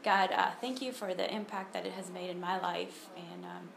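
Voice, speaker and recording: A woman's voice: on the low side, fairly even intonation, normal speed, creaky. A woman from Honduras in her thirties giving a casual personal testimony at a church meeting, talking with many ums and restarts, recorded on a phone. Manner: conversational, frequent ums and restarts. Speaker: speaker at a church ministry meeting. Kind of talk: personal testimony talk with prayer. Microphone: phone recording on a table. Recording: echoey room with noticeable background noise.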